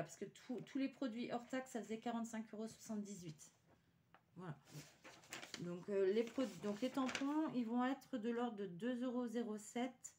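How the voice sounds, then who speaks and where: A woman talks casually through an unboxing of her craft purchases, her voice mellow and warm. She hesitates often, fills pauses, and drops into soft muttering while handling the items. Faint background noise and small clicks can be heard. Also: mid-range voice. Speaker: craft channel host.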